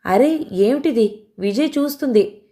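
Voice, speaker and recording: A woman doing a soft-spoken young wife with a tender, fearful way of talking. Her voice is a little higher than the narration and mellow in tone. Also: expressive, unhurried. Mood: anxious.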